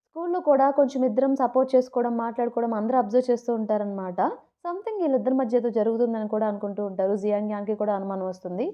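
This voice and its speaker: A woman's voice: a little high, racing, highs cut off. A woman with a Telugu accent casually retelling a drama episode, chatty and mixing in English words. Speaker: drama recap narrator.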